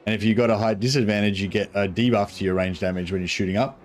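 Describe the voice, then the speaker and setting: A man's voice: lowish voice, fairly even intonation, fast. A man with a broad New Zealand accent giving casual gameplay commentary in a laid-back, sweary, rambling way. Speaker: gaming streamer.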